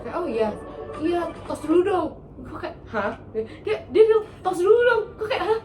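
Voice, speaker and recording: A woman, casually telling a story on a podcast, animated and acting out the quotes. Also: very high voice, a little slow, distant mic. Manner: animated, acts out quotes, laughs often. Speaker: podcast host. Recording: roomy, off-mic, music behind.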